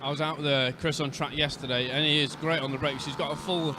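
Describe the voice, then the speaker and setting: A man's voice: fairly high pitch, level tone, fast. A man giving conversational motorsport colour commentary in an informal, chatty way. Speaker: co-commentator and rider. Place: outdoors at a race track. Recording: very loud engine and outdoor track noise.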